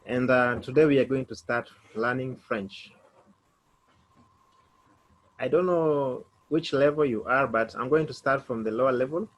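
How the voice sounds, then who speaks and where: Slow, spelling-out man teaching French. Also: mid-range voice. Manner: slow, spelling words out letter by letter. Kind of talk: online beginner language lesson.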